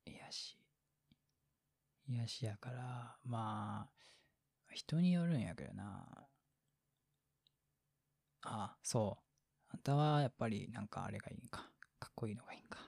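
A man's voice: lowish voice, creaky, a little mellow, breathy edge, no echo. A man speaking with a Kansai accent as a boyfriend in whispered role-play chat, rambling, laughing often and dropping into half-whispered asides, close to the mic. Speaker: boyfriend in a situation voice.

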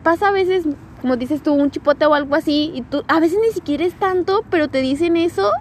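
A woman's voice: high-pitched, brisk, slight background noise. A woman co-hosting a podcast, easygoing and agreeable in casual chat. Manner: easygoing, agreeable, fills with "este" and "o sea". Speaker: podcast co-host.

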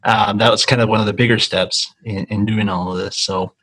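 Guest: low-pitched man, husky voice, hesitant and restarting, casual interview talk. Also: steady tone, fairly bright tone, rough recording. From Argentina. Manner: halting, many ums and restarts. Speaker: guest, consulting company founder.

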